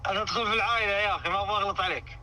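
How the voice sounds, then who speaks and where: Very fast, high-pitched exasperated Saudi man. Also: steady tone, sharp tone, a little hiss or hum, rough recording. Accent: Saudi Arabic. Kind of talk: casual bantering conversation.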